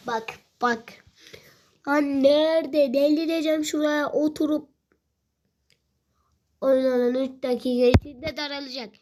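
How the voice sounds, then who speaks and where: A female gamer gives casual commentary as she plays, sounding impatient and grumbly. She repeats herself and shouts with excitement once a fight breaks out. Her voice is high.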